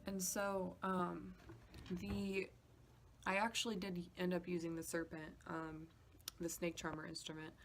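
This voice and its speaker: Speaking unhurriedly in a low register with little pitch movement, this woman, a podcast composer, walks through her work in a loose, slightly hesitant way. The background is noisy, with music demo clips playing.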